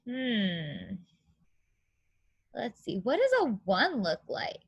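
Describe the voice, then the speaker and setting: A preschool teacher with a fairly high, husky voice reads aloud to young children. She asks them questions and counts along in an upbeat, sing-song style, keeping her wording simple.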